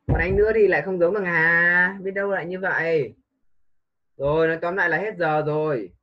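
A man's voice: high-pitched, brisk, highs cut off. A tired man tutoring English over a video call, repeating words and correcting pronunciation with teasing remarks. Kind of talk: online one-on-one lesson.

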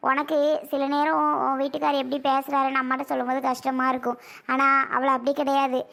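A woman's voice: high voice, completely flat delivery, fast, creaky, fairly bright tone. A woman voicing an older cartoon mother who lectures, pleads and laments in a scolding way. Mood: lecturing. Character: older mother, lecturing and grieving over her son. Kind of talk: cartoon voice acting.

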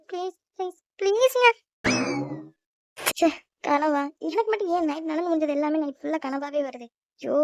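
A woman's voice: a little mellow, no room sound, highs cut off. A woman voicing an anxious young newlywed wife who frets and pleads in a cartoon. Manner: high, quick, fretful self-talk.

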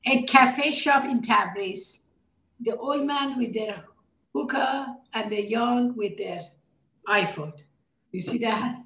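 A Persian woman, speaking with the accent of her native language, runs a casual cooking demo as a cookbook author, cheerful and laughing often with warm enthusiasm for food. Her voice sits fairly high and moves at a slow pace. The room is echoey, with slight background noise.

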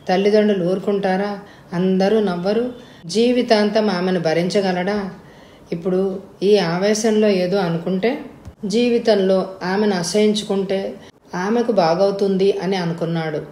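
A woman narrating a story as an audiobook reader, with a steady, measured delivery. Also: mid-range voice. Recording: echoey room.

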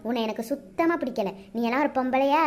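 A woman's voice: sits high, fast talker, voice pushed down, lightly acted. A woman voicing a domineering older mother-in-law in a cartoon, scolding and giving orders with a Kanyakumari Tamil accent. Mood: scornful. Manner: scolding, commanding.

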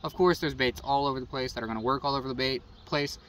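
Talking fast in a medium-pitched, fairly bright voice, a young Midwestern fishing channel host casually rambles through his gear on camera. He records outdoors beside a house on a phone at arm's length. The audio is a bit distant, with faint outdoor noise.

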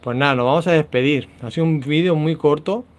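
A man's voice: fairly high pitch, brisk. A man with an accent from Spain chatting casually to viewers on a phone vlog, loose and full of fillers. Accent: Spanish (Spain). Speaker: vlog host, dog owner.

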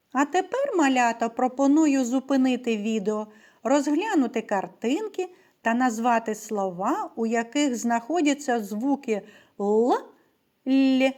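Slow, patient woman teaching young children. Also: sits high, darkish tone. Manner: slow, clear, patient, addresses children directly. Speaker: primary school teacher. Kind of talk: video literacy lesson for young children.

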